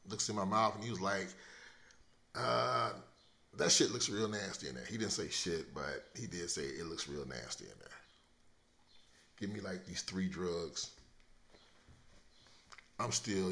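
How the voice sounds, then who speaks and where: A man with a sore throat hosting a rambling solo podcast rant, profane and swinging between loud outbursts and low mutters. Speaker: podcast host.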